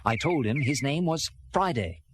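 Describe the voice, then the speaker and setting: A male actor voices a sincere castaway adventurer recounting his tale with animated theatrics, styled as a dramatized children's read-along. His mid-range voice, close to an everyday voice, moves at a normal speed, and the vintage record carries music and a noisy background, with an earnest, reflective mood.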